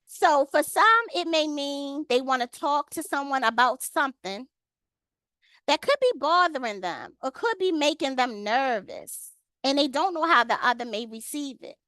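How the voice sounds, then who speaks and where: A woman with a high, light voice teaches a Bible study over a video call. She reads the verses steadily and then speaks directly to the women in the group, calling on them by name. The sound is dry, with no room echo. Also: fairly bright tone. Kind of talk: online Bible study lesson.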